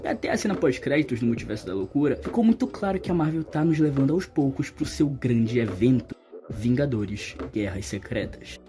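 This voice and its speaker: Mellow and mid-range, this man's voice carries a Brazilian Portuguese accent. He hosts YouTube video essays, presenting scripted opinion commentary to his viewers with music playing beneath his voice.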